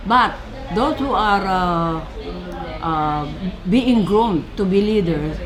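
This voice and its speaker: Older Filipino woman, slow, halting. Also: medium pitch, expressive, music in the background. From Philippines. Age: 70s. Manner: halting, many fillers and repeats. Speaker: labor organizer. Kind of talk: interview answers. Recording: crowd noise behind.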